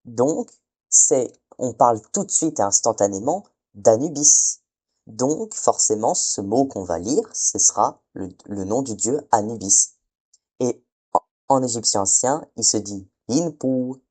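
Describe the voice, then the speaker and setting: A man's voice: mid-range voice, animated, a little slow, mellow, husky. A man giving a casual spoken lesson, hesitant, often stumbling and correcting himself. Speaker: teacher.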